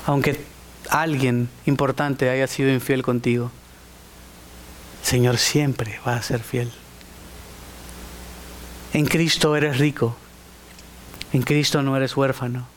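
A man's voice: fairly even intonation, slow, long pauses. A man preaching a sermon, speaking emphatically and putting questions straight to the congregation. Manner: emphatic, rising to high exclamations.

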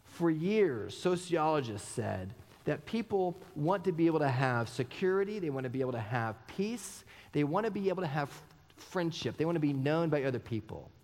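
A man's voice: a little high, very animated, moderate pace, a little mellow. A man in his thirties preaching a sermon as pastor, earnest and personal, asking many rhetorical questions. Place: church sanctuary. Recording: long church hall reverb.

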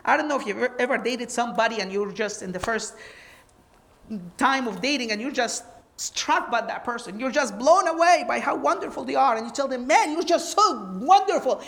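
A woman with a high, gravelly voice preaches emphatically in a sermon-like teaching talk. She is a Bible teacher from Egypt whose first language is Arabic, and she delivers her message with animation and rhetorical questions.

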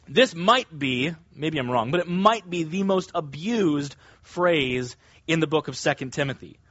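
High-voiced male preacher, emphatic and deliberate. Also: expressive, a bit bright, no echo, lo-fi sound. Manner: emphatic, deliberate, with stressed key words. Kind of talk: expository sermon, teaching verse by verse.

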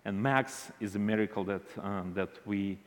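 A man with an Eastern European accent giving a halting, deliberate church testimony as a visiting minister. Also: fairly low pitch. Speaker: visiting minister speaking to a congregation. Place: large indoor church hall. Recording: reverberant hall.

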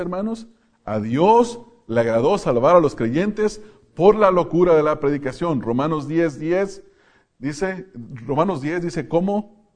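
Earnest preacher man. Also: fairly high pitch. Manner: earnest, swings from quiet asides to loud emphatic outbursts. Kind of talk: sermon.

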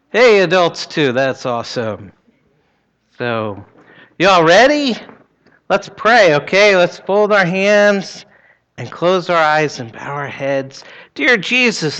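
A man's voice: on the high side, a bit bright, muffled recording. A man leading a simple children's prayer in a sweet, patient Sunday school manner, using short, easy phrases.

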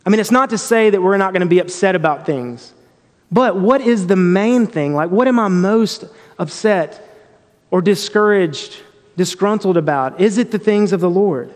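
Male Bible teacher, high-pitched, earnest and reflective, devotional delivery with a long reverb tail. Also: expressive, moderate pace, darkish tone. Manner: earnest and reflective, with frequent restarts.

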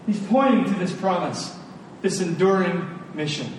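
Heard from a distant mic in an echoey hall with faint rumbling, a man delivers an emphatic, informal sermon at normal speed. He repeats phrases to drive points home and chats colloquially with the congregation in the large room.

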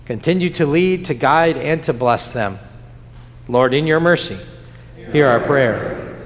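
Male pastor, fairly high voice, solemn chanted prayer cadence, long cathedral echo in a big chapel. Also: unhurried. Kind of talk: liturgical prayer. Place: large church chapel. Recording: long church reverb.

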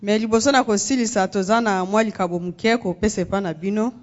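Fast-talking woman from Congo. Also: mid-range voice, muffled recording. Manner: measured, pausing for interpreter. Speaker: guest speaker. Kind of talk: speaking in phrases for interpretation. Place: church sanctuary.

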